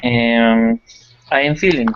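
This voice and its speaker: A man from Colombia with a Colombian Spanish accent, a student answering in slow, hesitant English on a video class. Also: mid-range voice, noisy background. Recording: muffled lo-fi audio.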